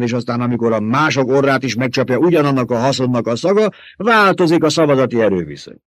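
A man's voice: medium pitch, no room sound, voice pushed up, lightly acted. A man voicing a stern, scornful old woman who mocks and scolds in a domineering way. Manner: mocking and domineering.

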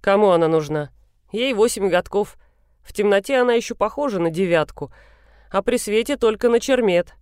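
A woman reader voicing a gruff, curt young man who grumbles his replies in a dry audiobook recording. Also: medium pitch, expressive, moderate pace, darkish tone, dry recording, natural voice. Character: gruff blunt young man, reluctant rescuer.

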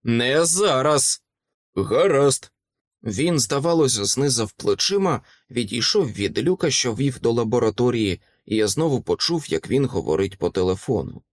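Guy reading an audiobook dramatically, pitch jumps around a lot, super dry sound. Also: expressive, moderate pace, few pauses, no room sound. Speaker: audiobook narrator. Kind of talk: first-person audiobook narration.

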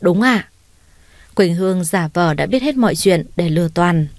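A woman narrating a story in a steady, plain reading voice. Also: on the low side, moderate pace, no echo. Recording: dry close recording.

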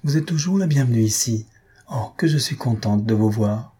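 A husky-voiced man reading aloud, voicing an eager, impulsive young woman in a storybook. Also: mid-range voice, expressive, normal speed, warm tone. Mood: effusive.

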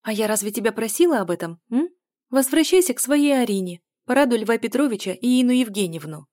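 A woman voicing a sharp-tongued young mother who speaks in a raised, cutting, indignant tone in an audiobook. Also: a little high, expressive, a little fast, no room sound, studio quality, voice pushed up, natural voice. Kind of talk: audiobook dialogue reading.

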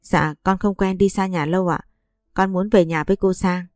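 A woman voicing a gentle, hurt young wife who speaks in a tearful, pleading way. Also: fairly low pitch, steady tone, normal speed, dry recording, clean studio sound, faint music behind, lightly acted. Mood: polite.

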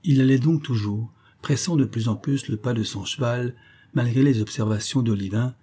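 A man narrating a classic novel as an audiobook in a steady, measured storytelling manner. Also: mid-range voice, slightly rough.

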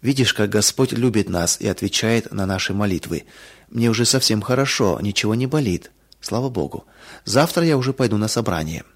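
Man reading as a kind older woman teacher, soft, caring, storybook. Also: fairly low pitch, expressive, a little fast, slightly rough. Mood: gentle.

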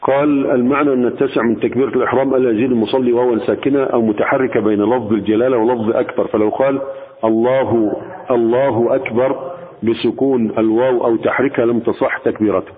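A man with an Egyptian accent teaching a religious lesson as a sheikh, explaining patiently and slowly demonstrating pronunciations. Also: medium pitch, steady tone. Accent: Egyptian Arabic. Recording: tinny phone-like sound with long reverb.

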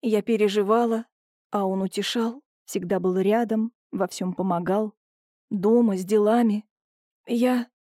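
In an audiobook, a tearful young woman protests in a high, shrill, pleading voice, as a woman acts her. Her tone stays dark and mellow, and the recording is dry and close. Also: a little slow, no echo. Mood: hurt. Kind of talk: audiobook character voicing.

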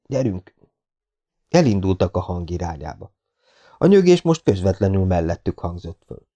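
A man reading a novel aloud as audiobook narrator in a steady, measured way. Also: low voice, muffled recording.

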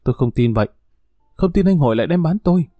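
A man voicing a frightened young woman who pleads and cries, raised higher than his own voice. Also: expressive, quick pace, mellow, dry recording, studio quality, soft background music. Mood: pleading. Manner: tearful and pleading.

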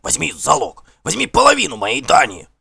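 A man voicing a frightened, two-faced Norse king in an audiobook, shrill and frantic. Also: huge pitch swings, normal speed, creaky, pushed and bright, slightly rough, no echo, heavily acted. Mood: panicked. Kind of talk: audiobook character voice.

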